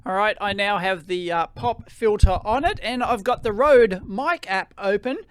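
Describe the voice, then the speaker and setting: An Australian man with a high-pitched voice and rising sentence endings, giving an excitable, casual off-the-cuff gear demo into a close microphone. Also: normal speed, smooth, dry recording. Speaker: tech reviewer hosting a gear demo. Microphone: close podcast microphone.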